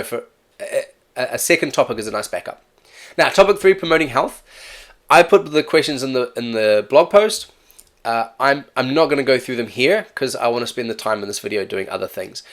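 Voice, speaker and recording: Speaking in a mid-range, slightly bright voice, a male teacher with a non-native or regional English accent runs an informal exam-prep session. He chats his way through it, often fixing what he just said and adding "right?"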